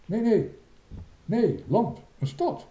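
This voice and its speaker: A man voicing an excitable, plump boy sailor who exclaims eagerly, in a storybook reading. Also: medium pitch, a little fast, roomy sound, pitched above the performer's own voice. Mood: excited.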